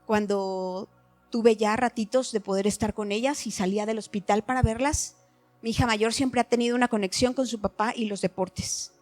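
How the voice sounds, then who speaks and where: A woman's voice: a little high, steady tone, normal speed, darkish tone, soft background music. A middle-aged woman giving an earnest, heartfelt personal testimony at a church meeting.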